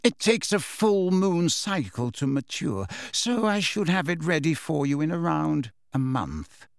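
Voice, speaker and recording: A man voicing a cold, disdainful middle-aged male professor who speaks slowly and smoothly in an audiobook reading. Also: a little high, lively intonation, no echo, studio quality. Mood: sneering.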